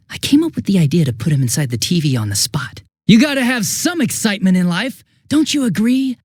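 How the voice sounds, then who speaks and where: A male actor voices a smug, mocking young detective who becomes a murderous video game villain, lurching theatrically from a bored drawl to giddy taunting. His voice is high with a darkish tone, and the studio-quality recording has no echo.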